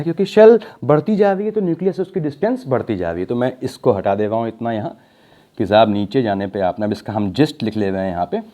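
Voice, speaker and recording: A man's voice: mid-range voice, warm tone. A man teaching chemistry in a recorded lecture. He works through each step with questions to the class and mixes Hindi with English technical phrases, drawing out the key words. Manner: talks the class through steps with rhetorical questions. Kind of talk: explaining at a board in a recorded lecture. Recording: dull lo-fi audio.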